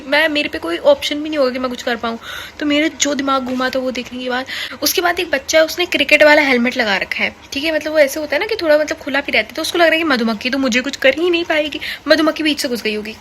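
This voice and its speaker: A woman's voice: high voice, a bit bright, slight background noise. A teenage girl from India, a student vlogger chatting casually and laughing often as she mixes English into Hindi, recorded in her bedroom. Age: teens. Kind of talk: casual storytelling vlog. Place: bedroom, on bed.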